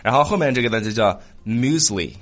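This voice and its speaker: A man teaching English in a casual podcast, explaining pronunciation step by step and modeling sentences slowly. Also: mid-range voice, lively intonation, fairly bright tone.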